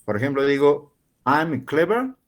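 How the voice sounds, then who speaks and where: A man in his forties, a university professor from Peru, teaching an online English class in Spanish and slowly repeating model phrases for learners. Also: on the high side, very animated. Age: 40s.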